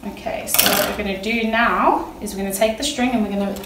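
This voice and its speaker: A woman's voice: medium pitch, quick pace. A woman crafting with her young child, patiently explaining each step to the child. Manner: patient, instructive, speaks to a child. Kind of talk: guiding a child through a craft. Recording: echoey room from a distance, noisy.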